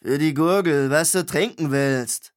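A gruff, grubby tavern keeper barks blunt, slangy talk, a little louder and higher than plain narration, as a man plays him. This storybook innkeeper sounds coarse and unrefined. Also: unhurried, natural voice.

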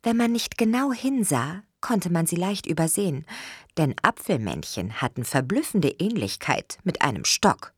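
A woman reading a children's storybook aloud in a gentle, expressive way. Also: fairly low pitch, normal speed, husky, no echo, clean studio sound. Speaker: narrator.

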